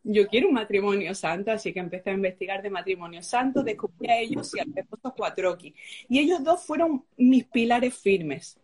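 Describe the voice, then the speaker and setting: A woman's voice: mid-range voice, animated, fairly quick, a little mellow, breathy edge. A young woman giving a personal testimony, storytelling with emotion and acting out the dialogue she quotes. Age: young adult. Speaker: guest sharing a conversion story.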